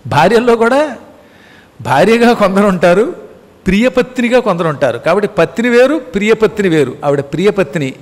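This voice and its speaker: High-voiced man giving a spiritual discourse. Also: long reverb tail. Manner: explanatory, repeats points, rhetorical questions, acts out quotes. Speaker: religious discourse speaker. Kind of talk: Telugu Ramayana discourse.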